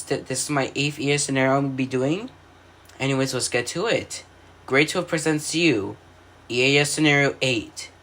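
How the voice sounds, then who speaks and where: Noticeable background noise accompanies a mid-range, fairly bright male voice. A video creator, he narrates his own fictional alert scenario as an amateur mock emergency broadcast, sounding like an announcer but occasionally stumbling over words.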